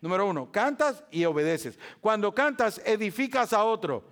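A man preaching in church with a fairly high voice, swinging between low, quiet asides and loud, ringing emphasis. He hammers points with repetition and direct questions to the congregation. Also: expressive, moderate pace. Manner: preaching with rising, shouted emphasis and rhetorical questions; repeats phrases for emphasis. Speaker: pastor. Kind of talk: sermon.

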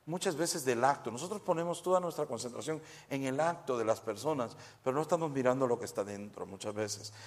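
A male pastor preaching a sermon, conversational and humorous, often checking in with his congregation. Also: mid-range voice.

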